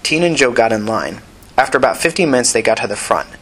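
A man narrating an audiobook in a steady, even reading voice. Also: medium pitch, fast, husky, low-quality recording.

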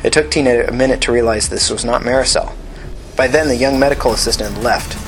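A man narrating an audiobook in a steady, even reading voice. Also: mid-range voice, fast talker, faint music behind, rough recording.

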